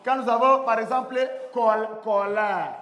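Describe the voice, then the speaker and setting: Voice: medium pitch, unhurried, fairly bright tone, lo-fi sound. Teacher drilling pupils in an echoey classroom. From Rwanda. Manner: repetitive drilling, call-and-response, praising pupils. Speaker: primary school teacher. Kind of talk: classroom French lesson. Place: large indoor classroom. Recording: echoey classroom hall, background noise.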